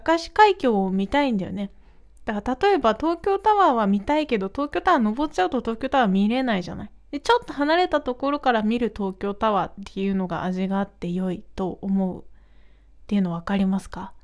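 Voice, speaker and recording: A young woman hosting her own podcast, casually telling a story in a chatty, animated way, acting out quoted lines and laughing often. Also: mid-range voice, fairly quick.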